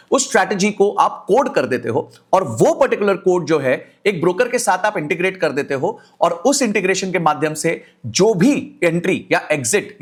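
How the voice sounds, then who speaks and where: A middle-aged man with an Indian accent, an energetic finance YouTuber speaking straight to his viewers. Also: sits high. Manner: energetic, direct address to viewers. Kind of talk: explainer video talk.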